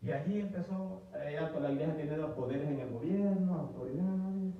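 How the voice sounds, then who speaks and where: A male pastor preaching a history sermon in an animated way, acting out voices and often repeating himself. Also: fairly high pitch, normal speed. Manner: animated, acts out quoted voices, stumbles and repeats words. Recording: heavy echo, distant mic, tinny phone-like sound.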